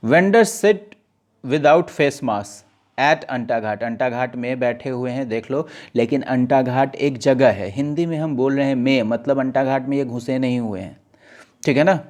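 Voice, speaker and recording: A male teacher giving an exam-prep lesson. He reads newspaper lines aloud in a slow, deliberate way. He keeps asking his students questions and then answers them himself. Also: mid-range voice, darkish tone.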